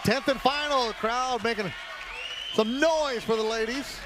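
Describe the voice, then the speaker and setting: High-pitched hype boxing announcer, a man. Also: measured pace, crowd noise, noisy background. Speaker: play-by-play boxing commentator. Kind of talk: live fight commentary. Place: ringside at an arena.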